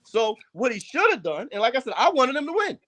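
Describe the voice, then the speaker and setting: A man's voice: very high voice, big pitch swings, a little fast, bright, forceful tone. A man co-hosting a casual boxing podcast, arguing his points firmly and emphatically. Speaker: podcast co-host.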